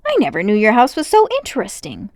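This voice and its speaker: Woman voicing a spirited, curious girl, lively pitch. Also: fast, gravelly, dry recording, studio quality. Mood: curious, excited. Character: spirited, curious young girl, indignant yet sympathetic. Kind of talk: storybook character voice.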